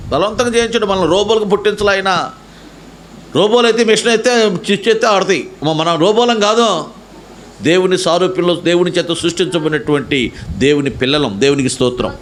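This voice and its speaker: High-voiced pastor preaching a sermon. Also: male voice, a little fast, slight background noise. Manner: preaching, repeats rhetorical questions, acts out prayers. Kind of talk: Telugu sermon. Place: church.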